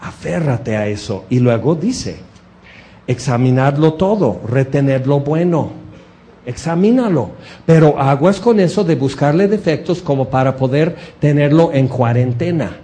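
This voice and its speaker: A man preaching a sermon, lively and joking with the congregation, acting out quotes and mimicking people. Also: fairly high pitch, unhurried. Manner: jokes with the congregation.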